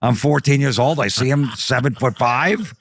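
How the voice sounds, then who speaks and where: A man's voice: medium pitch, moderate pace, husky. A man telling a comedic story on a podcast, swearing freely and acting out the voices of people in it. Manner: animated, profane, acts out quoted voices. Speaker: podcast guest.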